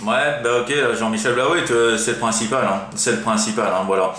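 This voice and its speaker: This man from France makes casual contact on CB radio as an amateur, his talk rambling and hesitant with frequent repetition. He speaks fairly low and fairly quickly in a steady, fairly bright tone, with slight background noise and an echoing, roomy room sound.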